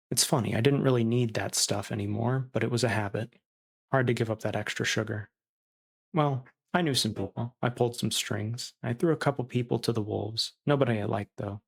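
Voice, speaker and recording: A man reading as a stranded surgeon, gravelly fry, bitter, self-justifying, starving, horror storybook diary. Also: fairly low pitch. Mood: cynical, unrepentant. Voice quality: creaky. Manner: callous, self-justifying, confessional.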